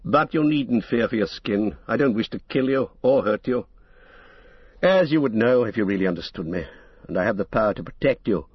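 A man's voice: fairly low pitch, lively intonation, a little fast, breathy edge, no room sound, lo-fi sound. Man playing a stern, commanding old wizard. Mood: earnest. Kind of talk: audiobook character reading.

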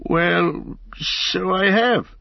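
A man voicing an elderly, fussy and excitable male hobbit in a high, fluttery voice with eager, breathless phrasing. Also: very slow, vocal fry, no room sound, heavily acted. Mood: rueful. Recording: dry, slightly dull recording.

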